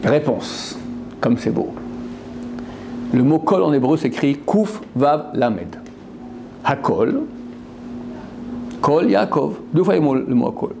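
A man teaching a religious lesson in an animated way, quoting verses, translating them, and asking and answering his own questions. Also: on the high side, takes it slowly, gravelly, pauses often, background noise. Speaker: Torah teacher.

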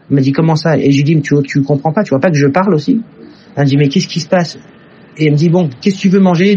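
A man's voice: a little high, a little mellow, highs cut off, a little hiss or hum. A man telling an emotional personal story in an earnest way. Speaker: testimony teller. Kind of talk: personal testimony.

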